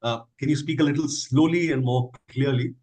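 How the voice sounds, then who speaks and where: A man's voice: mid-range voice, fairly even intonation, fairly quick, darkish tone, rough recording. A man answering audience questions in an online session, advising with stressed key words over a video call.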